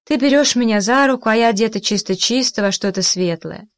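A woman voicing a blunt, talkative young woman who recounts a dream in a direct, brisk way in an audiobook. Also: on the high side, dry recording, natural voice. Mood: recounting.

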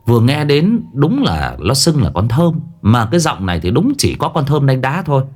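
A man's voice: mid-range voice, moderate pace. A man narrating a ghost story in a dramatic storytelling manner. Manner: animated, dramatic.

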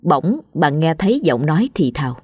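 Woman narrator, ghost story, steady grave telling, low pitch, faint background music. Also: a little slow, no room sound, studio quality.

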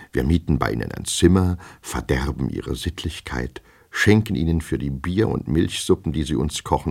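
A man's voice: extremely low pitch, vocal fry, slightly rough, exaggerated voice. A man doing a smug, mocking double. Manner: mocking, mock-familiar. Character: smug, falsely friendly male double, mocking. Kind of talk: audiobook reading.

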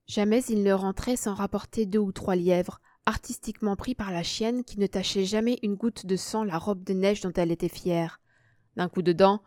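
A woman narrating a short story as an audiobook reader, in an even storytelling manner. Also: medium pitch, no echo, clean studio sound.

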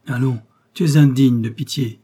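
A man's voice: medium pitch, fairly even intonation, normal speed, mellow, husky, lightly acted. A man voicing an indignant male circus director reproaching a former comrade. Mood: reproachful.

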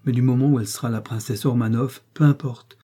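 A man reading an audiobook, voicing a domineering, coldly ironic prince with a dark, husky voice. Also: medium pitch, steady tone, quick pace, lightly acted. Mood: cold, commanding. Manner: commanding, cutting and sarcastic.

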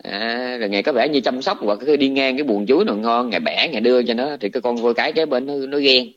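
A Buddhist monk with a Southern Vietnamese accent gives a dharma talk, retelling a scripture story in a lively, colloquial way. His voice is mid-range and fast, captured in a dull lo-fi recording.

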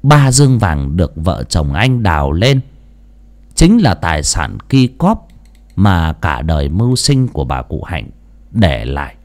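A man narrating an audiobook story in an expressive storytelling manner. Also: sits low, unhurried.

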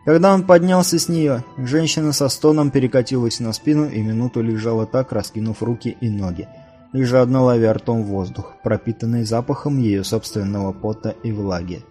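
A man narrating a fantasy novel as an audiobook reader, in a measured storytelling manner. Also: medium pitch, warm tone, soft background music.

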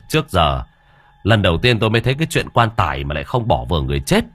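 A teasing old villager poking fun at a friend, as a male narrator plays him. His voice is low and husky, loose and mocking. Dry, close recording. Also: very animated, quick pace, fairly bright tone, dry recording, exaggerated voice. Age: older.

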